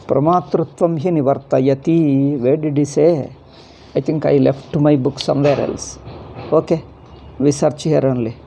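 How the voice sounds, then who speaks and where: A man's voice: a little high, fairly even intonation, a little slow, gravelly, mellow, a little hiss or hum. A man with a South Indian accent, a native Kannada speaker, giving an informal scriptural lecture, repeating key phrases and answering his own questions.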